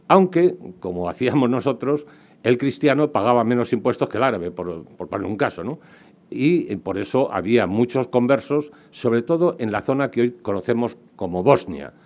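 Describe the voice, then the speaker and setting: A man with a Spanish accent from Spain delivers a public lecture in a somewhat low voice. He talks conversationally, wandering into asides and questions for the audience. The recording is dull and lo-fi. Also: darkish tone. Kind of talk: public lecture on food history. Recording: dull lo-fi sound.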